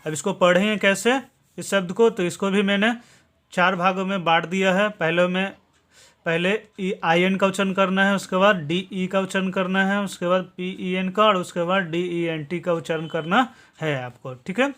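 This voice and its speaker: A man teaching a spoken lesson, slowly spelling out words letter by letter, repeating each point and ending phrases with a checking "theek hai". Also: sits high, fairly even intonation, fairly bright tone. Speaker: English teacher. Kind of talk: classroom-style spoken lesson.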